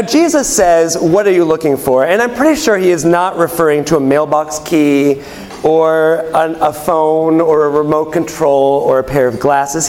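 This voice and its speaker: A man's voice: a little high, darkish tone, a little hiss or hum. A man pastor giving a conversational sermon, telling everyday stories and asking the congregation questions, then repeating their answers. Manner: chatty storytelling.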